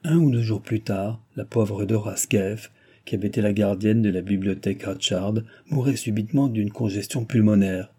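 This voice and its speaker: A man reading a novel aloud as narrator, in a measured, even delivery. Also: fairly low pitch, slightly rough. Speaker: audiobook narrator.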